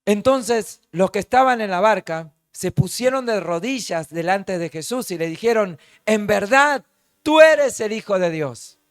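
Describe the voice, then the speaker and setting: A man's voice: high voice, no echo, studio quality. A man with a Rioplatense accent preaching a sermon as pastor, stretching key words for emphasis and putting rhetorical questions to the congregation. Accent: Rioplatense Spanish. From Argentina.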